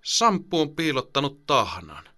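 A man's voice: mid-range voice, very animated, bright, forceful tone, pitched above the performer's own voice. A man voicing a sleepy, stubborn young boy in an audiobook, with a whiny, pleading voice. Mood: indignant. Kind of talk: audiobook character voice.

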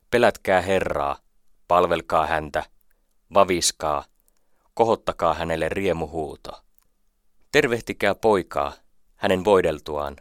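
A man giving a slow, measured, solemn reading of psalms as a scripted Bible reading. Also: low-pitched, fairly bright tone, no room sound, clean studio sound. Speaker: scripture reader.

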